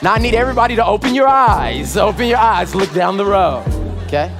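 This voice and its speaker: A high-voiced man preaches with booming motivational energy, swinging widely in pitch as he rallies the congregation to answer him. Music plays behind his voice. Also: expressive, a little fast, over a noisy crowd. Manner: interactive, asks the listeners to respond. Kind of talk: lively church sermon. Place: church service before a live congregation.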